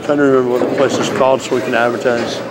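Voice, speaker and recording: A man's voice: mid-range voice, little pitch movement, racing, very noisy. A young man vlogging and joking with friends on a phone camera in a bowling alley. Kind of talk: casual chat. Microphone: handheld phone camera.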